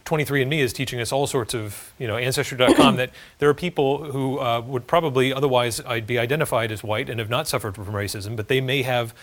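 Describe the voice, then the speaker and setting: A man's voice: mid-range voice, fast, hardly any pauses, fairly bright tone. Conversational male interviewer, follow-up questions.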